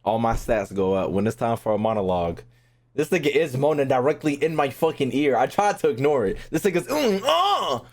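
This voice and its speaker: A young American man streams a game with a brisk, medium-pitched voice that swings widely in pitch, tossing out slangy jokes and casual live commentary. Faint game music plays behind him.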